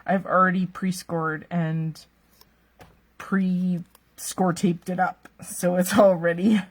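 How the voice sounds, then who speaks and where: A woman's voice: fairly low pitch, little pitch movement, slow. A woman teaching card making during a live stream, chatty, laughing often and checking in with "okay?" after each step. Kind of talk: live-streamed craft demonstration.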